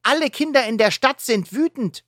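A woman's voice: lowish voice, wildly swooping pitch, a little slow, husky, no echo, studio quality, voice pushed up, exaggerated voice. A woman voicing a curious young girl superhero who complains at the villains.

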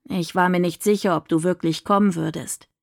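A woman's voice: fairly low pitch, fairly even intonation, normal speed, creaky, dry recording, studio quality. A woman reading a storybook, voicing a nervous young boy who speaks hesitantly and carefully. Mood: wary.

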